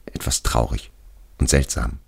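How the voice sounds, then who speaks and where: A man reading the quiet, hesitant lines of the first-person young man in a story. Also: rumbling low, steady tone, unhurried, gravelly, breathy edge, voice pushed down, full character voice. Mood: subdued.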